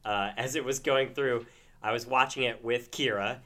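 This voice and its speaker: A man's voice: medium pitch, fairly even intonation, moderate pace, sharp tone. A man co-hosting a casual chat, enthusiastic and effusive, laughing often. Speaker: podcast co-host.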